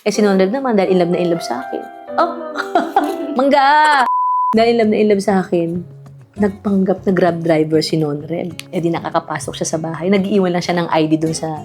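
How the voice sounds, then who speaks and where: Woman vlogger, thirties, from the Philippines; low-set voice, teasing and breezy, light laughter, faint music bed. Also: fairly even intonation, fast talker. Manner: playful, teasing, laughs often, mixes Tagalog and English. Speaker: vlogger, singer. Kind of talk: casual vlog reading comments.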